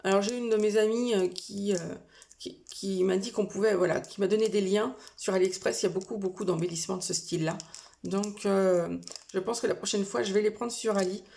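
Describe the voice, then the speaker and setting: Chatty and unhurried, a woman talks to her viewers about her purchases at a middle pitch. She pauses often, fills gaps and corrects herself as she goes, in relaxed casual speech. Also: creaky. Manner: chatty, hesitant, many fillers and self-corrections. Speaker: vlogger showing a shopping haul. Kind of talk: casual chat to camera.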